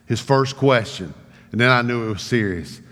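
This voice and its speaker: A man preaching a sermon and telling a personal story. He stammers and repeats words, rising into loud, animated bursts and then dropping to hushed, low tones. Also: normal speed. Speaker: pastor. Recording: long reverb of a large hall.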